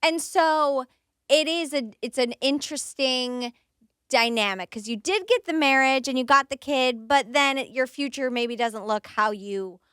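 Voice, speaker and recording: A woman's voice: measured pace, a bit bright, clear, resonant tone, dry recording, clean studio sound. A woman in her thirties in casual podcast chat, talking freely and acting out little quotes along the way. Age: 30s. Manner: chatty, acts out quotes in a higher voice.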